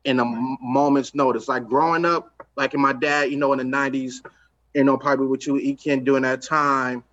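A man's voice: medium pitch, level tone, a little fast, fairly bright tone, dull audio. A man from Los Angeles, a record executive talking in a casual podcast chat, emphatic and streetwise, repeating his points.

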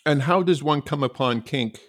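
A man's voice: fairly high pitch, moderate pace, a bit bright. A man hosting a podcast, asking questions in a hesitant way full of fillers. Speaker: podcast host. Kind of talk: podcast interview.

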